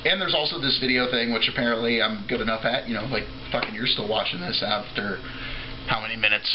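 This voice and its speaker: A man's voice: medium pitch, fast talker, dull audio, background noise. A man giving an off-the-cuff, drunken, rambling opinion rant as a video blogger, trailing off, restarting and swearing freely.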